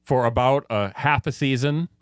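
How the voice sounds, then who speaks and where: A man's voice: mid-range voice, normal speed, clean tone, dry recording, clean studio sound. A man co-hosting a TV podcast, chatting casually and offering opinions with frequent restarts. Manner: conversational, trails off and restarts, opinionated. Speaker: podcast co-host. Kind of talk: casual chat.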